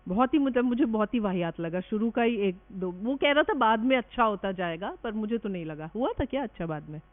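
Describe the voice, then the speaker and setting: A woman's voice: medium pitch, expressive, fairly quick. Chatty woman lecturer, tinny recording. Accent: Indian English. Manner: chatty, teasing, mixes Hindi and English. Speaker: medical college lecturer. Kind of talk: classroom lecture.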